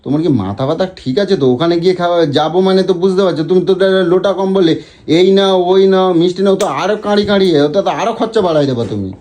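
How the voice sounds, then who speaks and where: Pleading, singsong husband defending himself. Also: male voice, sits high, a little mellow. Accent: Bengali. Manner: pleading, defensive, stingy excuses. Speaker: husband in comedy sketch. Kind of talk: scripted comedic quarrel.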